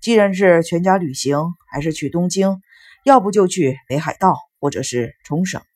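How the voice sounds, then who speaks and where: A woman voicing a calm middle-aged father who speaks mildly and tries to smooth things over. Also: fairly low pitch, normal speed. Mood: coaxing. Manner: mild and conciliatory.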